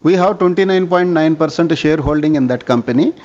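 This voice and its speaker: Fairly quick and a little mellow, this man's voice sits on the high side. He's a bank executive with an Indian accent, formally responding to analysts on an earnings call and often addressing them as "sir," captured in dull lo-fi conference audio.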